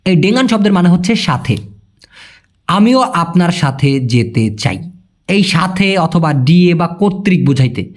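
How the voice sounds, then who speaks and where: Lively high-voiced Bangladeshi man teaching. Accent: Bangladeshi Bengali. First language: Bengali. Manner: chatty, repeats words slowly, calls listeners brother. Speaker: language teacher. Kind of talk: casual spoken lesson.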